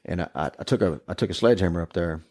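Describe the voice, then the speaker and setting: This guest on a podcast races through a rambling, profanity-laced ghost story, chuckling as he goes in a relaxed, chatty way. His voice is low and a little mellow.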